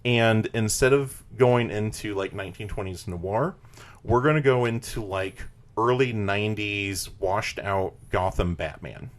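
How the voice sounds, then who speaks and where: Brief: podcast host, man, slightly low voice, rambling casual pitch, lots of fillers. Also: measured pace.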